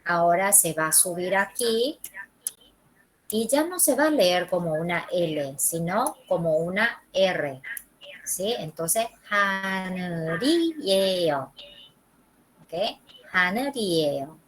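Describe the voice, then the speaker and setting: A woman's voice: on the low side, lively intonation, slow, breathy edge, rough recording. A woman teaching a Korean lesson in Spanish, who models each pronunciation, repeats it and keeps checking with "¿sí?" and "¿ok?". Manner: checks understanding with frequent ¿sí? and ¿ok?. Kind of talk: classroom lesson.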